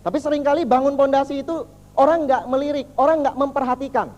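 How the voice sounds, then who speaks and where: High-voiced man telling a story in a reverberant hall. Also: fast, lo-fi sound. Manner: animated, addresses audience as Bapak Ibu, acts out characters. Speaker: motivational speaker at a business seminar. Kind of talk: storytelling talk to an audience.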